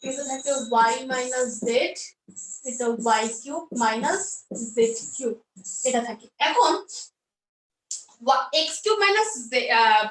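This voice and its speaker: A woman's voice: high-pitched, lively intonation, a little slow, distant mic. A woman teaching math step by step, asking questions and then answering them herself. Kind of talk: explaining a math lesson step by step. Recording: roomy echo, voice off-mic.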